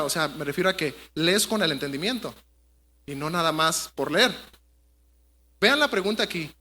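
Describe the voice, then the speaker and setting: A man preaching in church. His voice sits high and sounds bright and forward. He talks to the congregation conversationally and keeps throwing rhetorical questions at them. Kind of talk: sermon.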